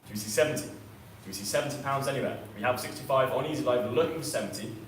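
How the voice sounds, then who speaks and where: A man's voice: mid-range voice, fast talker. A man working as an auctioneer, calling live bids with repeated prices and increments. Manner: repetitive chanting of prices and increments. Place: auction sale room, indoors. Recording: echoey room, distant mic, background noise.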